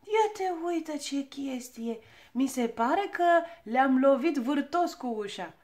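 A woman's voice: fairly high pitch, animated, natural voice. A woman voicing a muttering clumsy little boy. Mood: grumbling. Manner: muttering, sheepish. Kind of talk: storybook reading.

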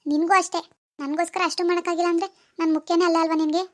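A woman's voice: very high-pitched, level tone, rapid-fire. A woman voicing a demanding, proud young village woman in a cartoon, scolding and sarcastic as she talks to her boyfriend. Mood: angry. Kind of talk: cartoon dialogue voice acting.

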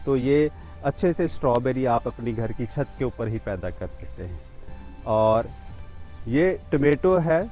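His voice is mid-range and dark in tone. He is a man in his fifties giving the camera a walking demonstration of an outdoor rooftop vegetable garden, steadily and plainly pointing out each plant and sometimes restarting a sentence.

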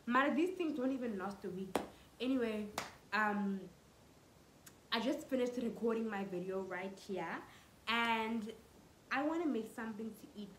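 The rough recording, with a little hiss or hum, captures a fluey South African woman in her twenties vlogging from her living room and bedroom with her phone at arm's length. She talks at a moderate pace with long pauses in a fairly high voice, chatting casually and mixing in Setswana.

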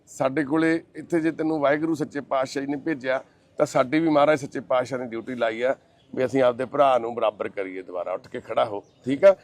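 This man has a mid-range voice with a steady tone and a quick pace. As host, he comforts a troubled man warmly in casual talk, reassuring and consoling him, then turns to the camera with an earnest, pleading address.

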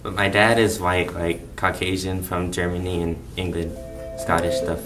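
A young man answering casually, in a halting way. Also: deep voice, level tone, distant mic, over loud music.

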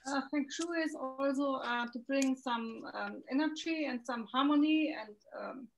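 A middle-aged woman from Germany with a German accent, a native German speaker, talking hesitantly with many pauses as a guest on a video call. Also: high voice, a little hiss or hum. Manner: hesitant, searching for words with many ums. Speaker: guest, feng shui consultant. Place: home room with window. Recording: dull lo-fi video call audio.

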